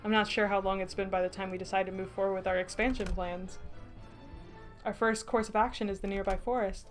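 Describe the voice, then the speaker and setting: A woman streamer narrating a story game aloud in a steady storytelling voice. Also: medium pitch, a little fast, soft background music.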